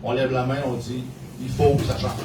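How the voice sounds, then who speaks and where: A man's voice: medium pitch, little pitch movement, brisk. A man with a Quebec French accent speaking informally as a political representative in a public discussion. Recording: echoey, noisy, distant microphone.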